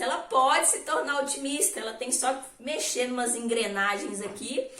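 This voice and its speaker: A woman's voice: fairly high pitch, fairly bright tone. Chatty woman in an echoey room. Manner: chatty storytelling with laughs. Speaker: weight-loss coach. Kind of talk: casual motivational talk. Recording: echoey room, distant mic.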